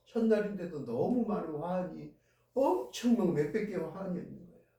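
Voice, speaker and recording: High, mellow pastor in echoing church. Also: male voice, animated, a little fast, gravelly. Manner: conversational storytelling, recounting events with feeling. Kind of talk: sermon. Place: church sanctuary. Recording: very echoey hall, voice heard from a distance.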